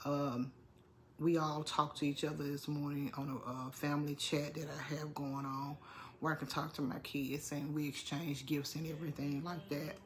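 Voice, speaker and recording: Her low-pitched voice moving little in pitch, a middle-aged woman chats to her viewers at a moderate pace in a casual vlog. She's congested and under the weather, repeats herself, and says "y'all."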